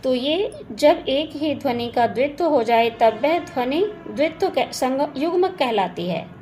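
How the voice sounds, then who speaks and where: A woman's voice: high voice, animated, a little slow, darkish tone. A woman teaching Hindi grammar for exam prep, going through answers patiently and spelling words out sound by sound. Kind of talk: exam-prep lesson, checking answers aloud. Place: home beside a railway track. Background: faint household ambience, occasional train noise.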